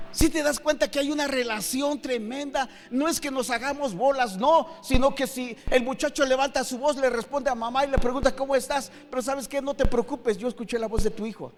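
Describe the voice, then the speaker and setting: Man, pastor, emphatic sermon, high voice, long church-hall reverb. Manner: emphatic, swings between loud and hushed, many rhetorical questions.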